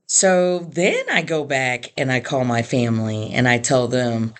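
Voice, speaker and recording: Middle-aged woman with a deep voice, telling her own story with feeling. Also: unhurried. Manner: earnest, animated storyteller who acts out quoted voices. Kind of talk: personal storytelling monologue.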